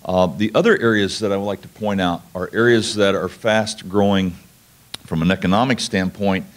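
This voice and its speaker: A man's voice: low voice, steady tone, normal speed. A man speaks as a presenter at a conference. He explains things in an informal, folksy way. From New Mexico, United States. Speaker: conference speaker, national laboratory researcher.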